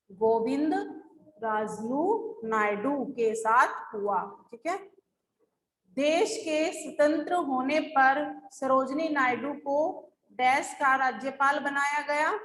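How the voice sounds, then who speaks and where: A woman's voice: sits high, a bit bright, reverberant, low-quality recording. A woman schoolteacher going over lesson answers, explaining patiently step by step. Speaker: school teacher. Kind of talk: recorded class lesson.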